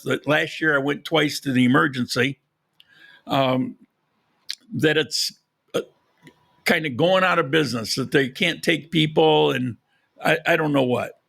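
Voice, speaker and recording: A podcast host who lives in Colombia rambles casually during a live show, restarting often as he loses his voice. He sounds a little high, gravelly, and a bit bright.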